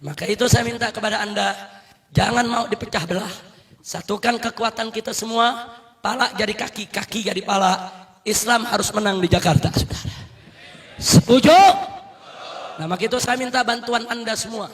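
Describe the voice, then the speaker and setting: A man preaching a fiery rally sermon as an Islamic preacher, shouting rousing calls to the crowd and often addressing them as brothers. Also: sits high, a little fast.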